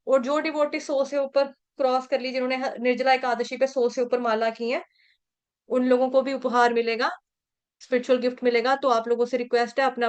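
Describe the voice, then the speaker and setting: A woman teaching the recitation of a Sanskrit verse, chanting it slowly and patiently explaining each sound. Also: sits high, clear, resonant tone. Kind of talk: slow sung Sanskrit verse chanting with pronunciation lessons.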